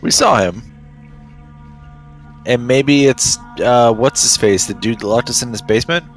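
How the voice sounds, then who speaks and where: A man's voice: medium pitch, measured pace, soft background music. A man chatting casually as a player in a tabletop role-playing game.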